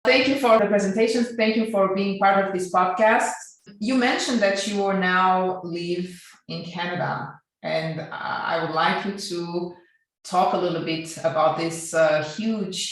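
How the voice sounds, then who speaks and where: A podcast interviewer asking questions haltingly, repeating words as the questions take shape. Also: medium pitch, a bit bright. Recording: very echoey room.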